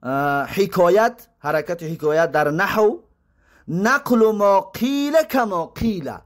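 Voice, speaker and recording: A man with a Tajik accent teaching Arabic grammar, reading terms slowly and then explaining them. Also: sits high, expressive. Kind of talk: grammar lesson.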